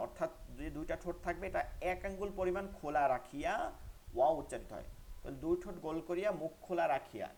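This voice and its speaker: A man leads an online recitation lesson. His voice sits a little high for a man but sounds mellow and dark. He explains patiently and repeats each sound so students can copy it. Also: slight background noise. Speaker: Quran recitation teacher.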